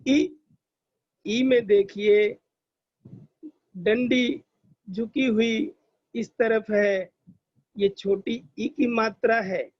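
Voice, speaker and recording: A man's voice: high voice, steady tone, very slow, long pauses, no echo. A male teacher giving an online grammar lesson to children, explaining patiently and drawing out sounds as examples. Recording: dull lo-fi recording.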